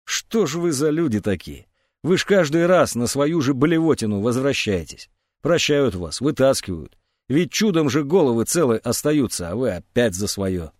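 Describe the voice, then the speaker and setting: A man's voice: medium pitch, expressive, moderate pace, a little mellow, no echo, clean studio sound, close to an everyday voice. A man reading an audiobook, voicing a stubborn, hot-tempered teenage boy who talks in a heated, defiant way. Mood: reproachful.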